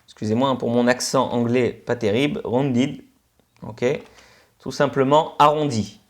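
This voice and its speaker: A man with a Senegalese French accent teaching a web coding lesson over a screencast, in a relaxed explanatory way full of "ok" and "euh" fillers. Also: mid-range voice, moderate pace. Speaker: instructor.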